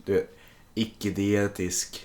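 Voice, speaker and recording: A man's voice: fairly low pitch, little pitch movement, takes it slowly, a little mellow. A young man whose first language is Swedish, co-hosting a casual film chat as a film student, often restarting sentences while he searches for the right words. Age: young adult. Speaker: podcast co-host, film student.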